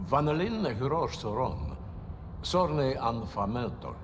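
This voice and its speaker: A man's voice: medium pitch, huge pitch swings, slow. An actor playing a solemn male elf in a video game, speaking in a ceremonial manner. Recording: long reverb, clear background ambience noise.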